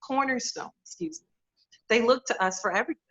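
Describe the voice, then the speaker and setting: A woman's voice: a little high, animated, fast, creaky, fairly bright tone, husky, rough recording. A woman beauty editor answering interview questions in an emphatic, conversational way, repeating her key words.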